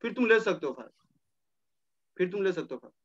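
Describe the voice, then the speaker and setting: High, bright-voiced male tutor. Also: sing-song, quick pace, husky. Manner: casual, coaxing, repeats numbers while working problems. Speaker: teacher. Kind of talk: informal chemistry lecture. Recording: dull lo-fi audio.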